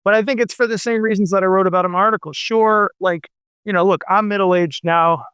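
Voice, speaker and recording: A man's voice: sits high, fairly even intonation, brisk, fairly bright tone, clear, resonant tone, no echo. A man in his forties, a novelist guest on a radio show, talking in a rambling way with many fillers and restarts. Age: 40s. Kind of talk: casual radio interview chat.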